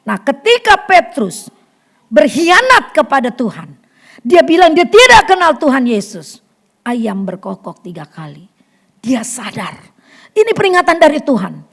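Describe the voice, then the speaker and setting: A woman preaching a sermon to a fellowship group in a church hall, animated, acting out quotes and swinging from loud to hushed. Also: high-pitched, a little slow. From Indonesia. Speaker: women's fellowship leader.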